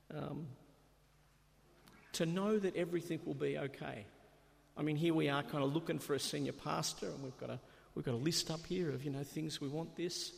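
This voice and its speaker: Aussie guy preaching, chatty, lots of questions, gravelly voice, big church reverb. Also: on the high side. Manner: conversational, self-deprecating, rhetorical questions. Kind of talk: sermon. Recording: long reverb of a church hall.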